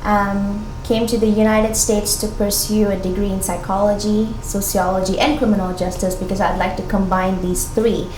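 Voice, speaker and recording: A young woman from Ghana, an international graduate student, speaking reflectively and earnestly in a documentary interview, with frequent pauses and ums. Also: mid-range voice, flat delivery, noisy background. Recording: roomy sound with background music.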